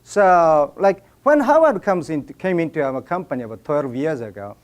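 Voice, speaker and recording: Lively man with a Japanese accent. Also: on the high side, moderate pace. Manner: animated, joking, directing the audience. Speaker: seminar speaker. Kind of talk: live seminar talk with audience participation. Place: seminar room with a live audience.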